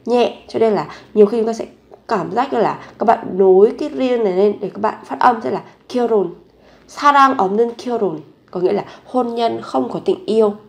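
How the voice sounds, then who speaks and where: A woman teaching a vocabulary lesson, repeating each word three times and then explaining pronunciation slowly and carefully. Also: on the high side, vocal fry, dark tone. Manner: slow, careful pronunciation drills. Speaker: Korean language teacher.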